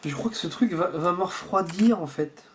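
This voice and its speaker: A man's voice: high-pitched, moderate pace, slight background noise. A man chatting casually while unboxing a subscription box at home, rambling and swearing freely. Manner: rambling with frequent restarts.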